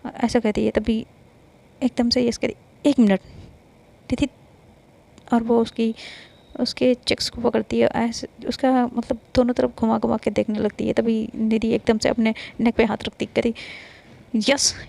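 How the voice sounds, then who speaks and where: A woman's voice: on the high side, level tone, moderate pace, creaky, warm tone. A woman narrating a romance story serial in a plain, conversational retelling.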